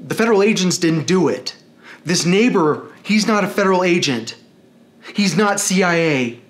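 A man's voice: sits high, lively intonation, moderate pace. Rambling, profane man ranting on camera. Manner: rambling, profane, emotionally charged. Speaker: vlogger. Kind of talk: ranting video monologue.

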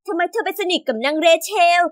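A woman voicing a hurt, resentful teenage girl best friend in an animated story, speaking reproachfully. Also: very high-pitched, fast, dry recording.

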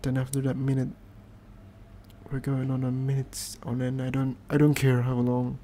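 A man's voice: mid-range voice, completely flat delivery, moderate pace, mellow, a little hiss or hum. A British man doing an ASMR role-play as a needy, clingy, playful boyfriend, speaking in an intimate, affectionate, pleading way. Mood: tender, pleading.

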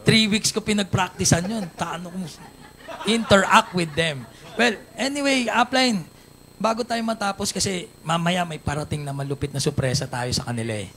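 A man's voice: sits high, animated, brisk, fairly bright tone. A Filipino man hosting a live company event, playful and joking with the guests and audience. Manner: playful, jokes with guests and crowd. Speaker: event host.

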